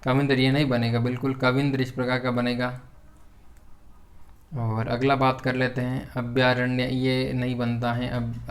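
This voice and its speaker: A man with a Hindi accent teaching an exam-prep grammar lesson, hesitant with many fillers and restarts, repeating corrections over and over. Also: mid-range voice. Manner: repetitive corrective phrasing.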